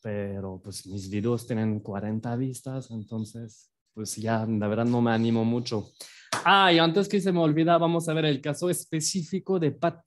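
A man's voice: medium pitch, normal speed. A French man with a French accent teaching a language lesson in a playful, self-deprecating way, explaining with examples.

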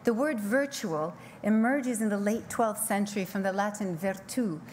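A middle-aged woman speaks from a podium microphone on a large conference stage, reading a scripted keynote in a mid-range voice. Her delivery is measured and poetic, slowing down to lean on key phrases. A faint hiss of background noise sits under the recording. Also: medium pitch. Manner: measured, poetic delivery with slow emphatic pauses.

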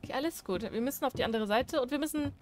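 A woman's voice: high voice, rapid-fire. A young woman commenting on a horror game, chatty and jumpy, talking to herself and the characters. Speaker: let's play gamer.

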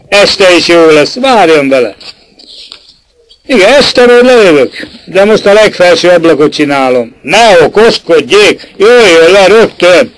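A man playing a cunning, mocking rich older gentleman who questions others sly and insistent. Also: a little high, dry recording, low-quality recording.

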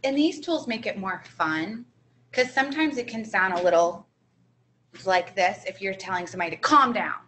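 A woman's voice: medium pitch, animated, moderate pace, sharp tone, a little hiss or hum, rough recording. A woman co-presenting a training seminar, explaining behavior strategies in an upbeat way. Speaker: early childhood trainer.

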